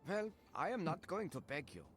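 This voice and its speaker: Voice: mid-range voice, sing-song, normal speed, a bit bright. An actor voicing a haughty, sinister video game villain with formal, precise, condescending speech who toys with the listener. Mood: coldly demanding. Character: creepy, haughty little girl hiding a sinister controlling old man. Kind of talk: video game character acting. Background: game music.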